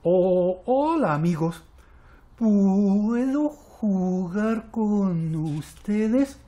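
A man doing a timid little girl-blob from a children's storybook, soft and coaxing, her voice hushed and pitched high with a lively, swooping lilt. She speaks slowly, as if afraid to be heard. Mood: shy. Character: shy little female ink blob, lonely.

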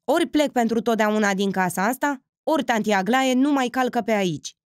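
A woman's voice: fairly high pitch, no echo, studio quality, voice pushed up, close to an everyday voice. A woman reading an audiobook voices a proud, spirited young woman. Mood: furious.

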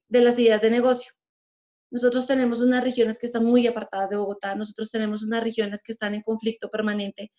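A Colombian woman in her thirties speaks in a fairly high voice, earnest and measured, pausing often as she gives an online workshop. She is heard through a webcam on a video call from a room at home. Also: darkish tone. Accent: Colombian Spanish. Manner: earnest, measured, with frequent pauses.

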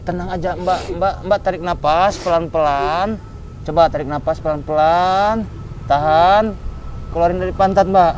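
A man playing a concerned male passerby who calms a woman and questions her. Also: sits high, normal speed, a little hiss or hum, lightly acted. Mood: calming. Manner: calming, questioning.

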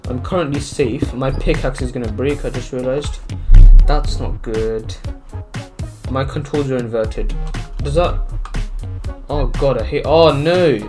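A young man talks through a video game at a middle pitch, his commentary quick to tip into panicked yelps. Clear background music plays under his voice. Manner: jumpy, panicky reactions with sudden yelps. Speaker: gaming YouTuber. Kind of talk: Let's Play commentary. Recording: music playing behind.

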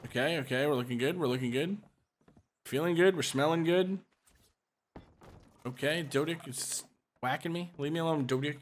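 A man's voice: on the high side, normal speed, long pauses. A man hosting a gaming channel, giving casual gameplay commentary with joking instructions and frequent laughter.

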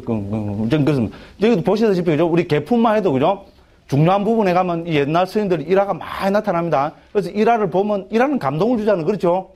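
A middle-aged monk with a Gyeongsang Korean accent gives a chatty class lecture on a Buddhist text, constantly asking the class "right?" and restarting his sentences. His voice is fairly high-pitched with a darkish tone.

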